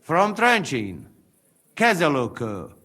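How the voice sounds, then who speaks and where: A sly game mercenary, Hungarian accent, slow lively wheedling delivery. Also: male voice, fairly high pitch, exaggerated voice. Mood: coaxing. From Trenčín region. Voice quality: broken English, coaxing and bargaining. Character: sly, persuasive male mercenary bargainer. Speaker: Janos, a mercenary negotiator. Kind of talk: video game cutscene acting.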